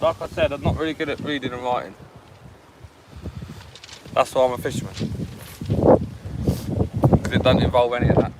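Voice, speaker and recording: A man's voice: medium pitch, fairly even intonation, moderate pace, long pauses. A man with a West Country English accent chatting casually and informally on a live stream, using plenty of regional slang. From England. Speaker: live-stream host, angler. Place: outdoors on a windy beach. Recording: loud wind noise on microphone, outdoors.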